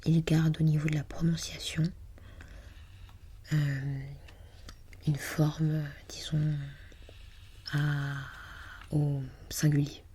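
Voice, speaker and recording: A woman whispering breathily as in a library, reading aloud for ASMR in a hushed, unhurried, musing way. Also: low-pitched, little pitch movement, slight background noise. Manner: hushed, unhurried, murmuring to self while reading. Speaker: ASMR host.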